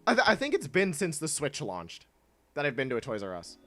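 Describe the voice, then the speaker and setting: Over soft background music, a young streamer with a fairly high, pushed, bright voice talks briskly, his pitch swooping wildly. Congested from clogged sinuses, he casually reads and answers chat, rambling and often cutting himself off with laughter.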